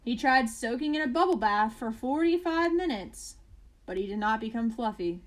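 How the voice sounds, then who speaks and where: A woman reading a children's picture book aloud as a bedtime story, with expressive emphasis and casual asides. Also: on the high side, normal speed.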